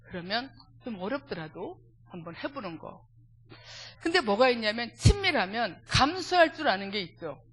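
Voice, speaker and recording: A woman's voice: a little high, moderate pace, breathy edge. A woman leading a church family seminar, speaking with animation and checking in with the congregation with direct questions. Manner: animated, acts out everyday dialogues.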